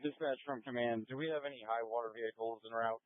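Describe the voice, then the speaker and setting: A man serving as fire incident commander, making brisk, clipped calls over an emergency two-way radio. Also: medium pitch, steady tone, no echo. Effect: two-way emergency radio transmission. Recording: tinny two-way radio, dry.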